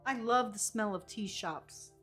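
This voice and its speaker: A woman's voice: mid-range voice, measured pace, a bit bright, slightly rough, faint music behind. A woman casually playing through a story game, reading text aloud and adding informal, playful asides. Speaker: streamer playing a narrative game.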